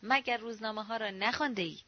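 A woman's voice: fairly high pitch, dry recording, lightly acted. A woman reading as a pitying, exasperated man. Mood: insistent. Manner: pitying, soothing, sometimes roaring. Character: exasperated, pitying middle-aged male friend. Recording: dull, dry lo-fi recording.

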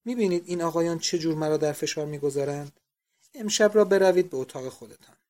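A man's voice: a little high, a little mellow, natural voice. A man reading the part of a fussy middle-aged landlady, anxious and coaxing, in an audiobook. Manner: pleading, coaxing tone.

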